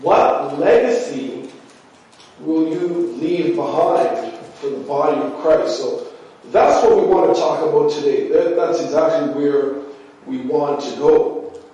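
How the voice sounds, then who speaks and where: Heard from a distance in a very echoey sanctuary on a muffled recording, a man with a slightly high, dark-toned voice preaches at a measured pace. Allergies make him sound nasal and stuffy, and his chatty sermon is full of "you know."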